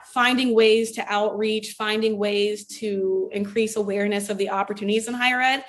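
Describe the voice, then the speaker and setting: Guesting on a conversational interview, a former elementary school teacher from Ohio, a young adult woman, reflects earnestly. She talks at normal speed in a steady, mid-range voice.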